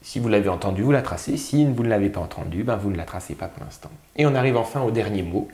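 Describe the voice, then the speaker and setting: A man teaching a spelling lesson, sounding out syllables slowly and carefully. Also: on the low side, lively intonation, dark tone, roomy sound, slight background noise. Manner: slow, drawn-out, sounding out syllables.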